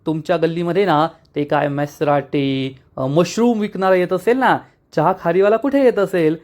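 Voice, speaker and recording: A man voicing a chatty, cheeky young wife who teases and argues in rapid, mock-indignant bursts. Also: lowish voice, a little mellow, natural voice. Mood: chattering, teasing.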